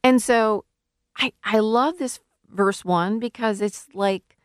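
A woman's voice: on the high side, slow, smooth, no room sound, studio quality. A woman preaching a sermon in an earnest, emphatic way, working through scripture. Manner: earnest, emphatic, rises to calling out. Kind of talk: sermon teaching.

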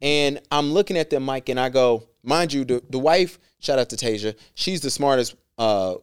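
A man co-hosting a podcast in casual chat, laid-back with lots of slang and shout-outs. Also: mid-range voice, moderate pace, clear, resonant tone, no echo, studio quality. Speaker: podcast co-host.

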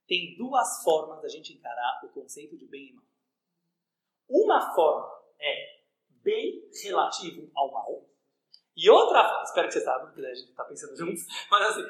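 Rabbi guy teaching a class, high voice, talks fast, keeps asking the room stuff. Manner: animated, questions the listeners. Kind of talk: lively religious lesson. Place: room with a live audience. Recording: echoey room.

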